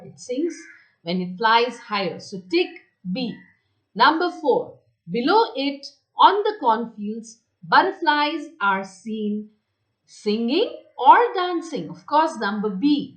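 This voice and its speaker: A woman teacher with an Indian English accent walks a class through a recorded lesson. Her speech is slow and deliberate, and her fairly high voice rises and falls a lot. She stresses key words and repeats every instruction. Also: a bit bright, rough recording. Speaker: school teacher. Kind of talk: recorded online class lecture.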